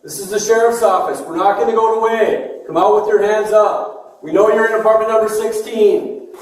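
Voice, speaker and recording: High, booming megaphone voice of a man. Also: fairly even intonation, moderate pace. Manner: firm, repeated orders. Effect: through a megaphone. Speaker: sheriff's deputy. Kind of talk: police commands to a barricaded apartment. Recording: booming megaphone echo from far off.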